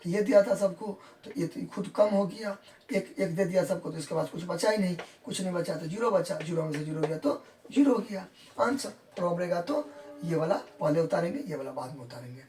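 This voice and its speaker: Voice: medium pitch, fairly quick, darkish tone, faint music behind. A maths teacher explaining a classroom lesson step by step. The teacher repeats each point and keeps checking that students follow, saying numbers in English. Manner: counts numbers out in English within Hindi talk. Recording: echoey room, voice from far off.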